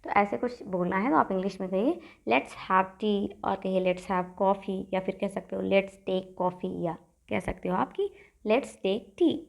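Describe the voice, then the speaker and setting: A young adult woman teaching spoken English, saying each short phrase slowly and clearly, then repeating it. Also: medium pitch, darkish tone. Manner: slow, clear drilling, says each English phrase twice. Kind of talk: bilingual language lesson.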